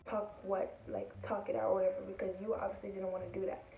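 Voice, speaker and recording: A woman's voice: medium pitch, little pitch movement, quick pace, creaky, slight background noise. A teenage girl tells a school story in a loose, rambling way, packing every line with "like" and slipping into the voices of the people she quotes. She sits back from the mic, so her voice comes through thin and phone-like with a hollow room around it. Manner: rambling, full of "like" fillers. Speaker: vlogger telling a story. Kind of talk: casual storytime. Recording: tinny, roomy, distant from mic.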